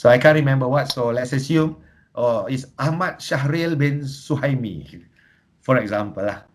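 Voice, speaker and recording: A man's voice: medium pitch, normal speed, a little hiss or hum. A man with a Malaysian English accent presenting a workshop, telling humorous anecdotes and slipping in Malay phrases. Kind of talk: lively teaching talk.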